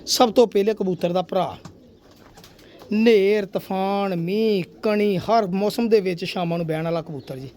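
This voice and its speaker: A man with a high, darkish voice speaks at a moderate pace while showing his pigeons to viewers in a casual vlog, chatty and boastful, calling them brother and sir. Pigeons coo faintly amid outdoor ambience.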